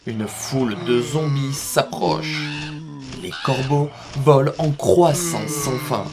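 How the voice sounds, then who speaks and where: Slow-paced male audio drama narrator. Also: mid-range voice, background noise.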